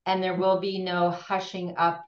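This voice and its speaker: A woman's voice: fairly low pitch, monotone, measured pace. A woman co-hosting a casual heart-to-heart conversation, talking expressively and laughing often. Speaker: co-host. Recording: echoey room, dull lo-fi sound.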